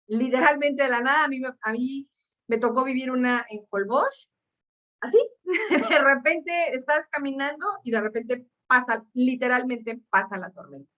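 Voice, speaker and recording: Lively, laughing woman storyteller. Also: sits high, moderate pace, lo-fi sound. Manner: lively, laughing, many fillers. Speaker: speaker. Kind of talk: storytelling talk.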